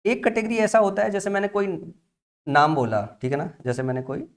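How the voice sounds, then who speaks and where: Higher-pitched man teaching grammar. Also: animated, fairly quick. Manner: repeats key points, asks and answers his own questions. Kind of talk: explanatory classroom lesson.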